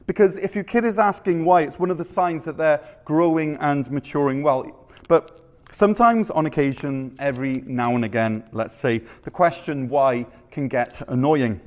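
A pastor preaches in a chatty, storytelling way. His voice sits fairly high for a man, and he leans on rhetorical questions to pull the congregation in. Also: moderate pace. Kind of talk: sermon.

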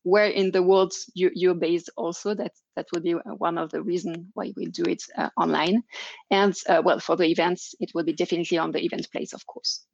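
A woman's voice: on the low side, steady tone, brisk, gravelly, a little mellow, no echo, highs cut off. A woman with a French accent, answering interview questions with many fillers and restarts. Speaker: interview guest, company founder. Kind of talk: live interview over video call.

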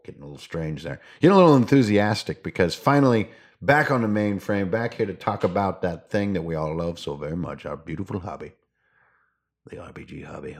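A man hosting a casual gaming podcast, rambling along in a playful, theatrical, slangy way. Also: lowish voice. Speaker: podcast host.

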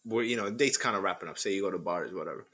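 Bright, teasing young man. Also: sits low, slightly rough. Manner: teasing, laughing, quick questions. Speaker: podcast co-host. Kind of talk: casual podcast banter.

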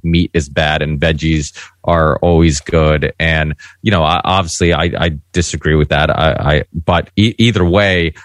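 A podcast host with a very deep voice talks earnestly in a casual panel discussion, circling back on himself with restarts. He grew up in Portugal. The sound is dry and close, with no room around it. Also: no echo.

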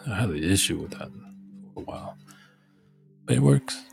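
A man chats casually as a livestream host, rambling in a halting way and repeating words and phrases. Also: low-pitched, lively intonation, vocal fry, over music.

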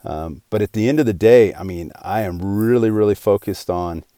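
A man's voice: on the low side, normal speed, warm tone, no room sound, clean studio sound. A man in his forties hosting his own podcast, talking alone in an earnest, rambling way with many restarts. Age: 40s. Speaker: podcast host. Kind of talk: casual solo podcast monologue.

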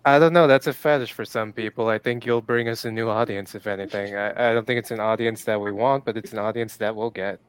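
A man's voice: on the low side, steady tone, quick pace, hardly any pauses, smooth. A young man hosting a casual talk show in a teasing, sardonic way. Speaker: podcast host.

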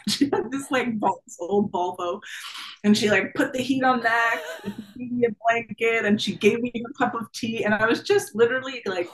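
A woman's voice: a little high, normal speed, low-quality recording. A woman in her thirties recounts her own experience as a guest in casual conversation. She talks in a chatty, vivid way, peppered with fillers, and voices her past thoughts aloud. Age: 30s. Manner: vivid, chatty retelling with many "like"s and acted-out thoughts. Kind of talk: personal storytelling interview.

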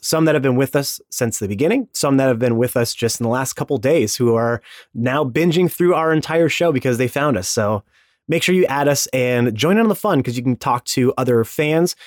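A man's voice: medium pitch, dry recording, studio quality. A man hosting a podcast, giving a casual, playful plug with rambling asides. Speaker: podcast host.

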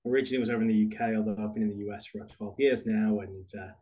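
A British man, a podcast guest, talking through his career in a relaxed, rambling conversational way. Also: lowish voice, racing, dull audio. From United Kingdom. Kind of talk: conversational interview.

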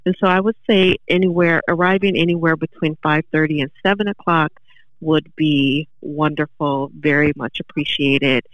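Woman on the phone, pausing with fillers. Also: low-pitched, steady tone, no room sound, highs cut off. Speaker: library director guest.

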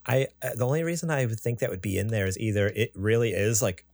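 Deep-voiced fast-talking man, dry sound. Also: darkish tone, no echo. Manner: quick, chatty, laughs often. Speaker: podcast co-host. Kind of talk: casual podcast chat.

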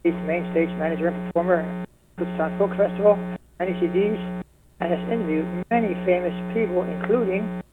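A man speaking over the phone as a guest on a radio show, friendly and unhurried, listing things off with fillers. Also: high-pitched. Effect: heard over the phone. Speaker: folk music society representative, radio guest. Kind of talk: casual radio interview. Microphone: telephone. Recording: tinny phone line with hum.

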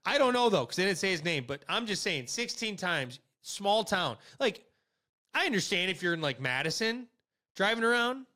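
A young man co-hosting a casual podcast, animated, blunt and joking as he runs through local news. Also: high voice, moderate pace. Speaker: podcast co-host.

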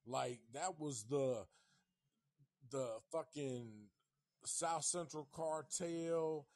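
A Nashville man in his fifties hosts a casual livestream chat, rambling and swearing in a laid-back way. His voice is a little high and darkish, and he talks very slowly. The recording is dry with clean studio sound.

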